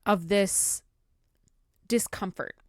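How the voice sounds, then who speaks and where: A woman's voice: medium pitch, extremely slow, no echo, studio quality. A woman hosting a podcast, recapping in an informal, giggly, chatty way. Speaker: podcast host. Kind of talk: casual chat, recapping a talk.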